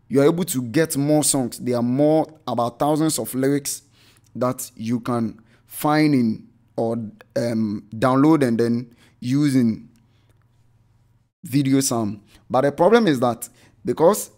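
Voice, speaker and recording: A tech channel host reviewing church software walks through an unscripted screen-share tutorial. His mid-range, somewhat dark voice rambles as he explains, frequently correcting himself with "I mean" and "um."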